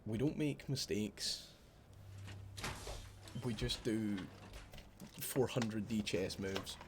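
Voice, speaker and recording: Speaking extremely slowly in a fairly low voice, a man with a Scottish accent chats casually while streaming a video game, cursing and trading jokes with viewers. Background noise is present.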